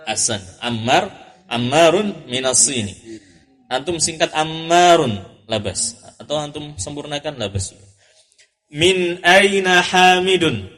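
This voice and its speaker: A man's voice: a little high, expressive, a little slow. A man teaching an Arabic lesson, patiently repeating and correcting each student's answer. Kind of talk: classroom drill lesson.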